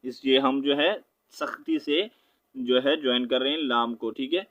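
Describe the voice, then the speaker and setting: A man with a Pakistani Urdu accent teaching Quran recitation, spelling out letters and vowel marks, then reciting slowly and drawn out, with quick low explanations. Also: a bit bright, dull audio. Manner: explains quickly in a low aside, often asking "right?".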